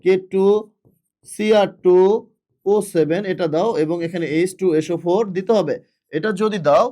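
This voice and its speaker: A male chemistry teacher giving a classroom lecture, who asks questions, answers them himself and repeats the key words. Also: high-pitched.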